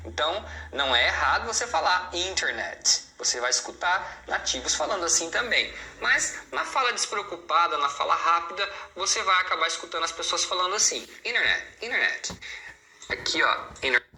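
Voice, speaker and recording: A man's voice: sits high, lively intonation, a little fast, few pauses, bright, forceful tone, roomy sound, a little hiss or hum, rough recording. A Brazilian man, a native Portuguese speaker, teaching English pronunciation in a recorded online lesson, patient and reassuring, repeating each example word twice.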